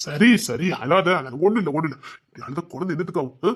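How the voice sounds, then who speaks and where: A caring father, fairly high voice, quick, soothing, coaxing, repeats himself. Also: expressive, husky. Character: caring middle-aged father comforting his daughter. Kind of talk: TV serial drama.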